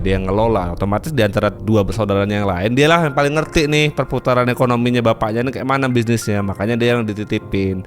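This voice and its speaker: A man hosting a story show, narrating a scary tale in a chatty, casual way with many fillers and asides. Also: on the low side. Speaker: storyteller host.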